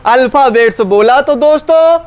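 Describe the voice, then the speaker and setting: A man's voice: very high voice, moderate pace, clear, resonant tone, dull audio. A man from India teaching an English grammar class in Hindi, asking his students questions, answering them himself and repeating his points.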